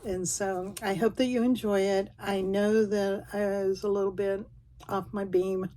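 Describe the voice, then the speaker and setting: This craft vlogger, a middle-aged woman, speaks a little slowly in a warm, mid-range voice with flat delivery. Paging through her craft journal, she chats in a rambling, folksy way and pokes fun at herself.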